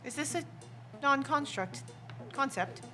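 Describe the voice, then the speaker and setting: A woman's voice: high-pitched, lively intonation, a little slow, over music, voice pushed up. A woman voicing a naive, inquisitive machine being in a tabletop game, with careful, literal phrasing. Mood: puzzled, earnest.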